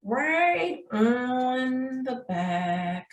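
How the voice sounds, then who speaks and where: Her voice is high-pitched and very animated, with drawn-out words, as this preschool teacher demonstrates a craft for young children. She sings her lines, addresses the kids as friends, and keeps asking check-in questions, heard from far off in an echoey room.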